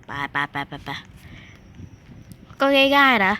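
Bright excitable young woman gamer. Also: slow, slight background noise. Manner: excitable, squeals and chatters while playing. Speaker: gaming video host. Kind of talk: casual gameplay commentary.

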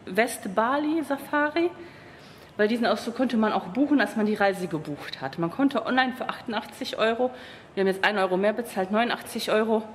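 In an expressive, fairly high voice and at a slightly quick pace, a travel vlogger in her thirties rambles chattily to her handheld camera at arm's length. She is tired from the humid heat, talking in a hotel lobby and on the street, with frequent "genau" and "ne?" tags. A little hiss or hum comes through.

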